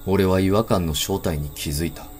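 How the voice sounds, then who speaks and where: A man narrating a first-person horror story in a deliberate, suspenseful way. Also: deep voice, darkish tone. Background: background music.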